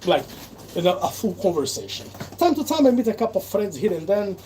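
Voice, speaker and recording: A Brazilian man, a native Portuguese speaker, talks in Brazilian-accented English with a high voice that swings widely in pitch at a slightly quick pace. He's sorting bags at work while chatting casually on a livestream, rambling and correcting himself conversationally. Loud noise fills the background.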